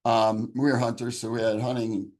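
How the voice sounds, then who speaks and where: A man's voice: medium pitch, little pitch movement, normal speed, darkish tone. A man with a mid-range voice gives a raw, earnest personal testimony in an interview. He talks in a conversational way, with emotion running through his storytelling. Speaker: interview guest.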